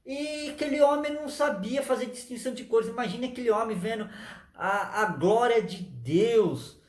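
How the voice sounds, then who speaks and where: A man's voice: very high-pitched, lively intonation, moderate pace, echoey room. A man preaching a sermon, retelling a story with emphatic repetition and calls of aleluia.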